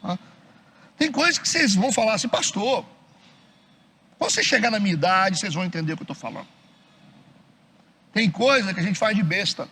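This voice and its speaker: A middle-aged Brazilian pastor preaches in a loose, conversational way, mimicking the people he quotes and checking in with the congregation over and over. His voice is high and bright with a husky edge. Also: animated, a little fast, long pauses. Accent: Brazilian Portuguese. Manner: acts out quoted churchgoers in mocking voices; frequent tag questions to the congregation. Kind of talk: conversational sermon. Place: church hall.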